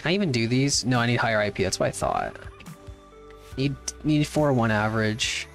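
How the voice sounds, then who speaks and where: A man's voice: medium pitch, fairly quick, gravelly, soft background music. A man streaming a game live, chatting casually and answering his chat in a laid-back way. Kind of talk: casual livestream chat while playing.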